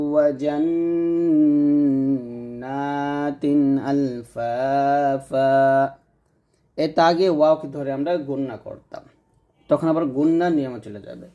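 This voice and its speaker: Male teacher, patient and repetitive, warm mellow tone, lesson delivery. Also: a little high. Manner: patient, repeats rules, checks understanding. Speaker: Quran reading teacher. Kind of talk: explanatory lesson.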